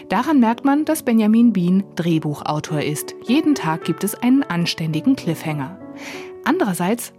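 A woman reading a scripted radio book review in a wry, clear manner. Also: medium pitch.

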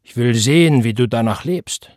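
A man's voice: mid-range voice, normal speed, a little mellow, no echo, studio quality, close to an everyday voice. Brief: stern preacher father, cold and curt, read by the narrator. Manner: stern, clipped.

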